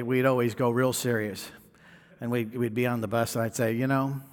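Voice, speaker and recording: A man's voice: medium pitch, a bit bright, in a large hall. A man preaching a sermon, joking with the congregation, mimicking people and breaking into snatches of songs. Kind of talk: sermon with storytelling. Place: church hall.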